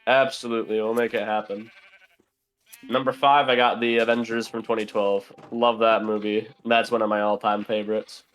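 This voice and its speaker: A man's voice: on the low side, flat delivery, normal speed, a bit bright. A young man, a podcast guest, chatting casually and rambling with lots of fillers while playing a game. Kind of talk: casual chat while gaming.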